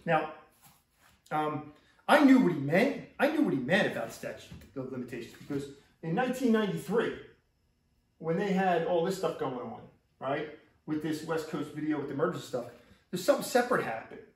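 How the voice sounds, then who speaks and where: Fast-talking middle-aged man, echoey room. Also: fairly high pitch, big pitch swings. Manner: rambling, repeats himself, restarts sentences. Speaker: police officer. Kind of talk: casual first-person account. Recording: echoey room, far from mic.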